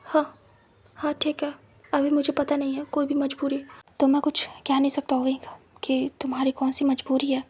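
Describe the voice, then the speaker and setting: A woman's voice: high voice, completely flat delivery, moderate pace, a little mellow, natural voice. Shy young husband, voiced by a woman narrator. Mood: bashful.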